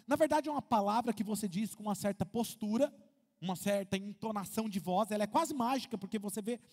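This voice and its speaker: A man with a Brazilian Portuguese accent, preaching an animated sermon as pastor, asking the congregation questions and acting out quotes. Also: sits high. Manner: lively, asks the congregation questions, acts out quotes. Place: large church hall. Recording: long hall reverb.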